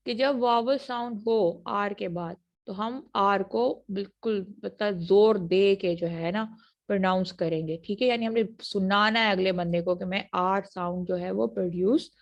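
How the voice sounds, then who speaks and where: A woman with a Pakistani accent giving an online university lecture on phonetics. She checks in with her students often and says each sound she teaches slowly and with care. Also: mid-range voice. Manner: models sounds slowly and deliberately. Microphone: computer mic for an online class.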